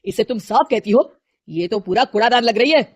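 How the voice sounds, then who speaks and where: Brief: grumbling husband figure, voiced by a woman, loud and blaming. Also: on the high side, animated, fairly quick, breathy edge. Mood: irritated. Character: irritable complaining husband.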